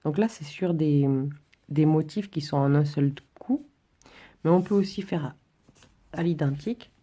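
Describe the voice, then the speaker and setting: Woman instructor for a relaxation drawing tutorial: very mellow, dark tone, a little husky, informal, pausing mid-phrase. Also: low voice. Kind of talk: informal spoken tutorial, demonstrating while talking.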